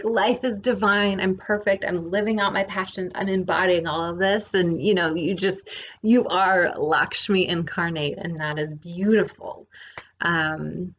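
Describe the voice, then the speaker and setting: Slow-talking woman teaching casually. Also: lowish voice, lo-fi sound. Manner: relaxed, often adds "right?". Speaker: spiritual teacher.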